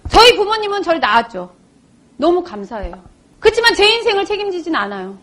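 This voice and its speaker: A woman in her forties delivers an emotional personal testimony into a stage microphone. Her voice sits high and swoops widely as she dramatizes her story. She acts out the people she quotes along the way. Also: big pitch swings, fast, fairly bright tone. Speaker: motivational speaker.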